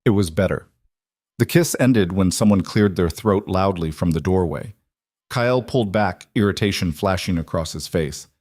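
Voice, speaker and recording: A man narrating a scripted fantasy story in an even, steady reading. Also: deep voice, moderate pace, dry recording.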